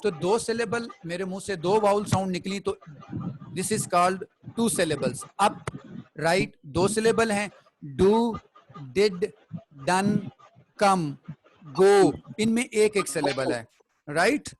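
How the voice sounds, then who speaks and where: A man's voice: high-pitched, takes it slowly, rough recording. A man teaching a classroom poetry lesson. He explains step by step and keeps checking that the students follow.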